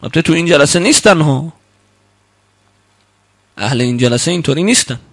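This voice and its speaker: A man delivers a sermon in a bright, fairly high voice. He lingers slowly over quoted Arabic sayings and then explains them. His rebukes climb loud and high. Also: animated. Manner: emphatic, rising to loud rebukes. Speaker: preacher.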